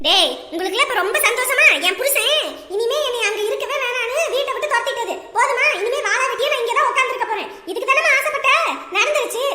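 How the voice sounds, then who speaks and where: A woman's voice: very high voice, fast, fairly bright tone. A woman playing a bitter married daughter who sarcastically blames her family for her ruined life, in a comedy skit. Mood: accusing. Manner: scolding, accusing, sarcastic. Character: bitter wronged married daughter, sent away by her husband. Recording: echoey room with long reverb.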